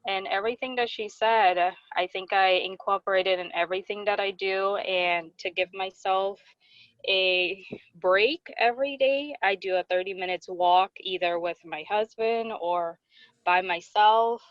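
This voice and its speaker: A woman's voice: mid-range voice, fairly even intonation, a little slow, dry recording. A woman speaking by phone from her car while she drives, chatting openly and gratefully with a few small laughs and restarts. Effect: speaking over a phone from a moving car. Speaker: webinar participant. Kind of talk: casual chat. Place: in a car, driving. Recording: muffled dry phone line from a car.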